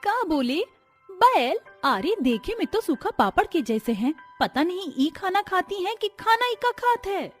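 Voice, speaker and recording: A woman voicing a cheeky young village bride from Banaras, speaking in a loud, drawling village dialect with a Bhojpuri-tinged eastern Hindi accent, over soft music. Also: extremely high pitch, big pitch swings, measured pace, pitched above the performer's own voice, exaggerated voice. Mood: sassy.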